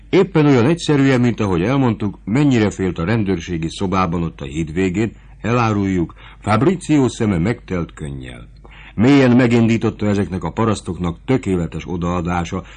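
Low-voiced male audiobook narrator. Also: darkish tone, slightly rough. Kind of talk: scripted novel narration.

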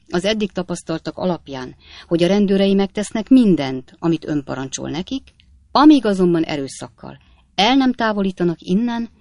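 A woman voicing an earnest, principled older gentleman who speaks formally and with emphasis in a storybook reading. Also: medium pitch, no echo, clean studio sound.

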